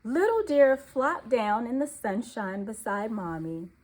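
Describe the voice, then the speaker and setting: A woman with a fairly high-pitched voice narrates a children's storybook aloud, giving it an expressive, deliberate storyteller's delivery.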